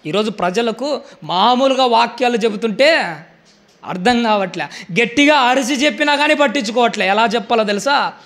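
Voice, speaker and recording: Preacher, male, very high voice, forceful sermon style with rhetorical questions. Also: normal speed. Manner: emphatic, asks the listeners rhetorical questions.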